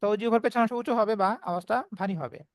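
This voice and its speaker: A man's voice: high voice, racing, no echo. A man teaching Quran recitation in an online class, explaining step by step and voicing the letter sounds as examples.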